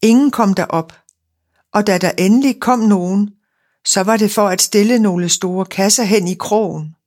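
A woman narrating a fairy tale in a calm, measured reading. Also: medium pitch.

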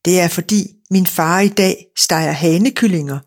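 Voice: medium pitch, close to an everyday voice. A storyteller voicing a curt, imperious young princess who dismisses suitors in clipped words in a storybook reading.

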